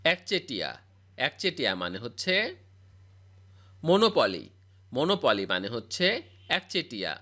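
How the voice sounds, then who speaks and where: A man's voice: mid-range voice, very animated, unhurried, pauses often, pushed and bright. A man reciting a scripted vocabulary drill as a spoken English teacher, repeating each word and its meaning.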